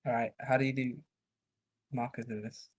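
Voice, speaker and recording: A man's voice: mid-range voice, level tone, normal speed. A man working as a video editor, chatting casually in short, agreeable replies. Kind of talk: casual chat.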